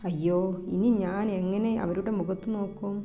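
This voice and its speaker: A woman's voice: mid-range voice, steady tone, moderate pace, mellow, slight background noise, lightly acted. A woman voicing a shy, emotional young woman in love who is bashful and easily flustered.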